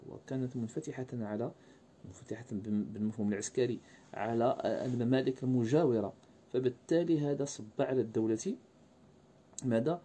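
A man lecturing, often pausing on fillers and asking his listeners rhetorical questions. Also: medium pitch, dark tone, breathy edge. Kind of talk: university-style lecture.

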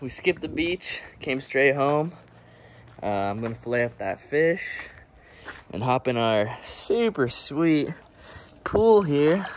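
A man's voice: fairly high pitch, a little hiss or hum. A man narrating a casual vlog in a laid-back, slangy, chatty way. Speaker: vlogger.

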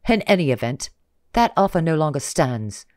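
A reader voicing a gravelly, menacing male nobleman who taunts and threatens loudly. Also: mid-range voice, very animated, normal speed, dry recording, studio quality, voice pushed up, close to an everyday voice. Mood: vengeful.

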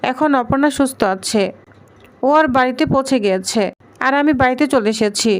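A worried young man who keeps his secrets close, read by a woman narrator. The voice stays high and smooth, without a male pitch. His lines are read in an earnest, plain manner. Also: a little fast, natural voice. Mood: guarded.

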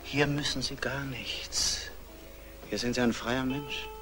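Färber, a man playing a smooth charming painter. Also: mid-range voice, steady tone, slow pace, over music, natural voice. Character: smooth charming male painter courting a young woman. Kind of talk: vintage German film acting.

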